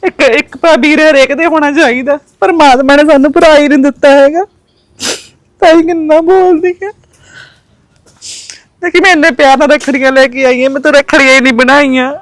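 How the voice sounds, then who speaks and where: A young woman with a Punjabi accent plays a tearful, pleading sister in a village drama, a married daughter visiting her cousin for Rakhi. Her voice is high and steady in tone, and she speaks fairly quickly.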